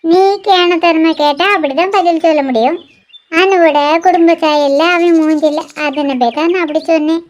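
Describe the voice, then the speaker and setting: A woman doing sharp-tongued cartoon girls. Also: very high-pitched, steady tone, moderate pace. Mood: teasing. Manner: sharp-tongued, teasing, scolding. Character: bickering young women in a clothing shop. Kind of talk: cartoon voice acting, one voice for several girls.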